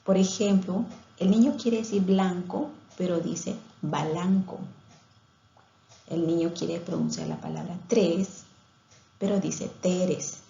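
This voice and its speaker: Gravelly-voiced woman lecturing methodically. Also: fairly low pitch, steady tone, unhurried, mellow, roomy sound, dull audio. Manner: methodical, explanatory, with hesitations and restarts. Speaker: lecturer in speech therapy. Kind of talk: recorded online lecture.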